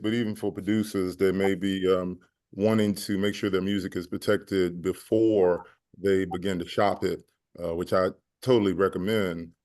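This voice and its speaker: Low-voiced man explaining music copyright. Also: a little mellow. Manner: measured, many um fillers, explains step by step. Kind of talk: explanatory panel talk.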